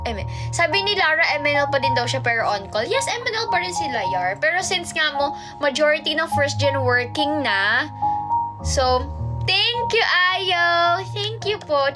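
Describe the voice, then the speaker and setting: High-voiced young woman chatting on a livestream. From Philippines. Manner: reads viewer comments aloud and answers them playfully, mixing English and Filipino. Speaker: idol livestreamer reading fan comments. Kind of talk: casual livestream chat. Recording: livestream with background music. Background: music playing in the background.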